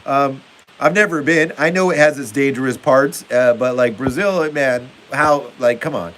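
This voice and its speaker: This young streamer reads his chat aloud from a basement, rambling upbeatly and using many filler words, recorded on a phone. His voice is mid-range and fairly bright at a moderate pace, with slight background noise and poor audio.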